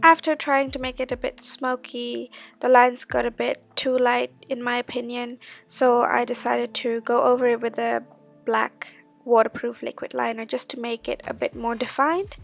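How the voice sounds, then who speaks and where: Sri girl chatting through a tutorial, high voice w some vocal fry, bit of music behind. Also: little pitch movement, normal speed. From Sri Lanka. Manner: informal, chatty step-by-step explaining. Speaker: makeup tutorial host. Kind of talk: casual tutorial voice-over.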